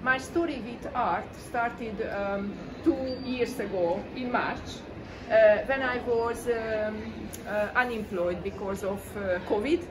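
A woman in her forties from Hungary with a Hungarian accent, talking about her paintings in a halting way with many fillers. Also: a little high. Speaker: exhibiting artist. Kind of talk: informal gallery talk. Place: small gallery room with pictures on the walls. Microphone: far camera. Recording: distant mic with room noise.

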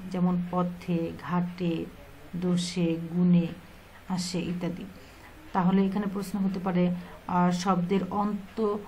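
A woman's voice: medium pitch, dark tone, a little hiss or hum, low-quality recording. Bangladeshi woman teaching a lesson. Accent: Bangladeshi Bengali. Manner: quizzes herself and answers, repeating key points. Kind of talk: exam-prep lesson.

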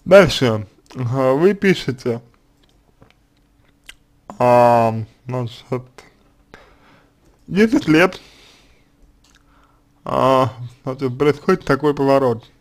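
A man answering a reader's letter as a psychologist, in a halting, deliberate monologue full of fillers and restarts. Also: mid-range voice, lively intonation. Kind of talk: slow consulting monologue.

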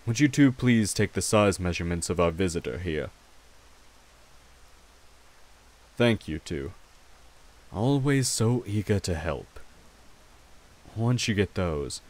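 A man with a voice that sits low plays a courtly, protective vampire king in ASMR roleplay. Courteous and welcoming, he talks to the listener in a gentle, wry, formal and reassuring way, taking his time.

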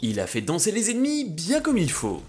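A man doing playful, presenterly scripted narration as host of a gaming highlights show. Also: huge pitch swings, brisk, noisy background.

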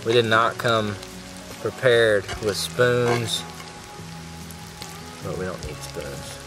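A host with a fairly low voice gives a folksy, laid-back cooking demo to the camera outdoors on a gravel riverbank. Background music plays under his voice, and the recording quality is low.

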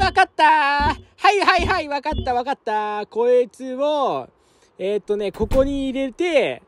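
A young man doing casual let's-play commentary at home, talking roughly to himself and his viewers with quick chuckles. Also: extremely high pitch, a little hiss or hum. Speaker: game streamer. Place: apartment room at night, keeping his voice down.

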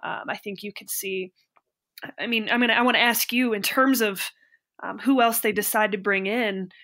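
A woman's voice: mid-range voice, steady tone, normal speed, fairly bright tone. A woman with a mid-range voice co-hosts a casual sports podcast. She hedges as she goes, leaning on fillers while she works toward her view. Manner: hedging, with many fillers. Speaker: podcast co-host.

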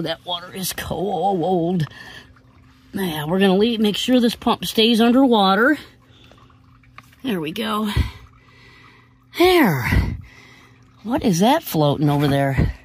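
A woman's voice: medium pitch, husky. A woman who runs a koi farm, talking casually outdoors by a pond, gushing and cooing to her fish as she works.

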